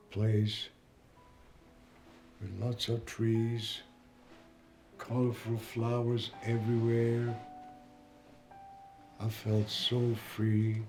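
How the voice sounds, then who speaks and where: An actor playing a frail, elderly father who speaks tenderly and haltingly in a film drama. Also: on the low side, vocal fry, heavily acted. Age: older. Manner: slow, halting, affectionate.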